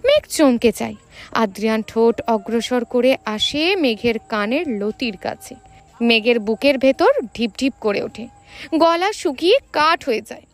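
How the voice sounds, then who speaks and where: With a high voice, a female storyteller narrates a romantic story, her pitch rising and falling in a lively manner as she dramatically performs the scripted text. Soft, unhurried music plays in the background.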